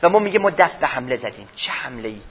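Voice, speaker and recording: A man giving a religious history lesson, retelling events dramatically and swinging from loud passages to hushed ones, with a husky voice. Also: medium pitch, sing-song, dull audio. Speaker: religious teacher.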